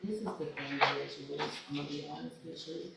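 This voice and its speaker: A woman's voice: low voice, fairly quick, vocal fry. A woman defendant in a courtroom, explaining herself in a rambling, pleading, hesitant way. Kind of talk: courtroom testimony. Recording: distant echoey mic with loud hiss.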